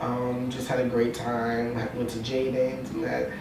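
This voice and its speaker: A man's voice: mid-range voice, monotone, measured pace. A young man talks in casual slang and repeats himself as he goes. He comes across as a podcast co-host, recorded at a distance in a noisy, heavily reverberant room. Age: young adult. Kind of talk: casual chat. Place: echoey room called a studio.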